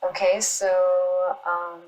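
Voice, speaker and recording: A woman giving casual spoken commentary in response to online comments, arguing insistently and earnestly, with halting pauses as she looks for her words. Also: on the low side, level tone, darkish tone, rough recording. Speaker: animal rights activist responding to comments.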